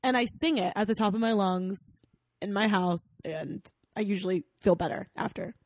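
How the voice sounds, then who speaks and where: A woman's voice: mid-range voice, moderate pace, no echo. A woman co-hosting a loose comedy podcast, giggly and playful, laughing often as she chats. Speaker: podcast co-host.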